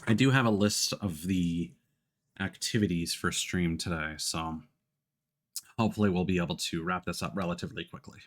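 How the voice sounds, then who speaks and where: A man with a low voice talks at normal speed while playing a video game on a livestream with music in the background. He offers casual commentary on what's on screen and reads the game's dialogue out loud.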